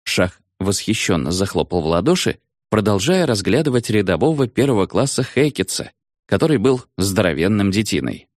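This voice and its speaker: Casting note: male audiobook narrator, animated storytelling, dry close-miked sound. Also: lowish voice, normal speed, no echo.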